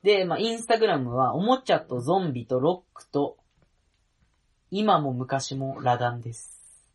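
A young man co-hosting a podcast, bantering casually with quick, teasing retorts. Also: fairly high pitch, animated, slightly rough. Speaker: podcast co-host.

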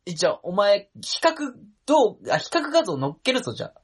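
Husky young man teasing his co-host. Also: sits high, huge pitch swings. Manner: teasing, quick retorts with laughs. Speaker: podcast co-host. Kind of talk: casual comedic banter.

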